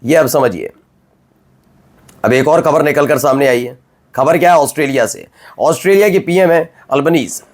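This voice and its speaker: Anchoring a news roundup in a conversational style, a man with a voice slightly high for a male speaker addresses viewers directly and with emphasis. He often poses rhetorical questions and then answers them, speaking at a normal pace with long pauses.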